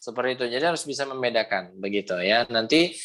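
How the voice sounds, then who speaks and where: A man teaching pronunciation in an online class over a video call, patient and repetitive, modeling sounds slowly. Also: medium pitch, expressive, a bit bright. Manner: patient, repeats "seperti itu, ya" often, demonstrates sounds. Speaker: Quran recitation teacher.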